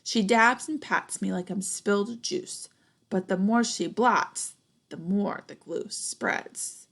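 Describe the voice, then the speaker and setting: A young woman, a teacher, reads a children's picture book aloud in a mid-range voice with noticeable vocal fry. She takes her time, reading expressively and deliberately while slipping in small comments and questions for the kids.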